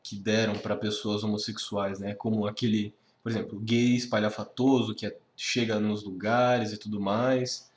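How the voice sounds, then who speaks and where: A man's voice: on the low side, flat delivery, slight background noise. A man interviewing a guest, asking long questions that he rephrases as he goes. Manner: halting, rephrases his questions.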